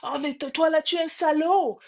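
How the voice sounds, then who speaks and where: A woman voicing a frightened, angry little boy lost in a forest, sounding shrill and indignant. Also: steady tone, moderate pace, a little mellow.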